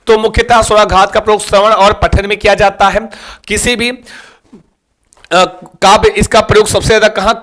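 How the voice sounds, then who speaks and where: A man's voice: high voice, fairly bright tone. A man teaching a live online exam-prep class, quizzing students and coaxing them over and over to like and share. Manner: repetitive, coaxing.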